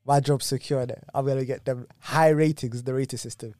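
A young man telling a work story in casual chat, animated and ranting, full of slang and swearing. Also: mid-range voice, fast, no room sound, clean studio sound.

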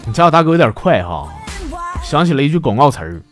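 A man telling a string of jokes as the host, with lively laughing delivery. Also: a little high, fast, loud music behind the voice. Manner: animated storytelling with laughs. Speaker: comedy host. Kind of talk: casual joke-telling monologue.

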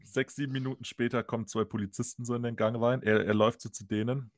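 A man's voice: mid-range voice, flat delivery, quick pace, dry recording, studio quality. A man telling an anecdote in casual podcast chat. He talks animatedly, laughs often and acts out the people he quotes. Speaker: podcast host.

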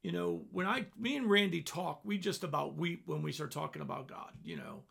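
A man with a deeply gravelly, crackling voice talks earnestly about faith on a podcast. He sits a bit higher than most men, repeats himself as feeling builds, and sinks into hushed, breathy prayer. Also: brisk. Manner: earnest, emotional, repeats phrases; drops to soft, breathy prayer. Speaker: minister on a podcast. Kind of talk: devotional podcast talk.

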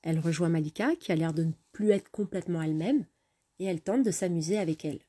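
A woman narrating a story in a steady, plain manner. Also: on the low side, fast talker, husky.

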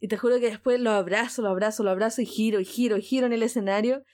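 Una mujer con acento chileno que narra una anécdota personal en tono de charla casual, emocionada, repitiendo palabras. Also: female voice, fairly high pitch, very fast. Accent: Chilean Spanish. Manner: excited, repeats words, laughs often. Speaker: guest. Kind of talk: casual storytelling.

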